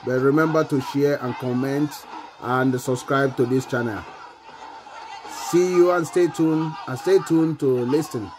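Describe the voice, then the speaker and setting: A man talks casually to his channel's viewers at a mid pitch, pausing on his words. Faint noise sits behind him. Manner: casual, hesitant with fillers. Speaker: vlogger. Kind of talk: casual vlog narration.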